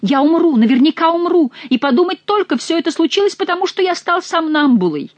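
A woman voicing a shrill, panicky fat monk. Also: wildly swooping pitch, brisk, no room sound, dull audio, full character voice. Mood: panicked. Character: fat cowardly male monk, whiny and frightened.

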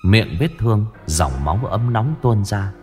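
A man narrating a dramatic audio story in an expressive, dramatic way. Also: lowish voice, a little slow, soft background music.

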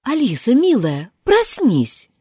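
A woman's voice: sits high, wildly swooping pitch, takes it slowly, dark tone, slightly rough, no echo, clean studio sound, pitched above the performer's own voice, exaggerated voice. Woman voicing a tender older sister. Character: gentle caring older sister.

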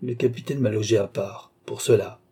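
A man voicing a calm young man in an audiobook, speaking gently and with resignation. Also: on the low side, moderate pace, vocal fry, husky, full character voice. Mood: resigned. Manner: gentle, soft-spoken, resigned. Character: calm young man facing his accuser.

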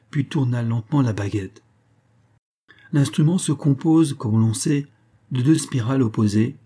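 A man narrating an adventure novel as an audiobook, in a measured, dramatic way. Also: fairly low pitch, warm tone, husky.

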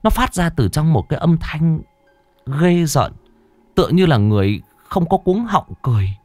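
A man's voice: a little high, big pitch swings, normal speed, a little mellow, dry recording, soft background music. A man reading a ghost story aloud with a dramatic, suspenseful delivery. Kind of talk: scripted horror narration.

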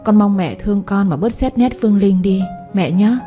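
A woman voicing a devoted grown son who pleads gently with his mother, over faint music. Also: mid-range voice, normal speed, natural voice. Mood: pleading. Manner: pleading, soft-spoken.

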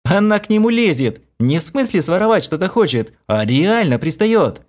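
A male audiobook reader voicing an excited, cheeky young woman gamer in a shrill, gleeful voice. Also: a little slow.

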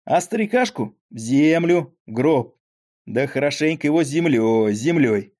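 A man's voice: medium pitch, lively intonation, moderate pace, a little mellow, natural voice. A man voicing a frail, talkative old father with a weak voice and rambling folksy speech, in an audiobook. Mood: weak, tender.

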